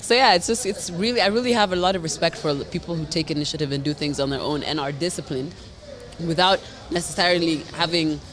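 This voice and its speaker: Podcast guest: woman, deep magnetic low register, talks quickly in relaxed conversation. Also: slight background noise. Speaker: podcast guest, singer and presenter. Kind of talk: casual podcast chat.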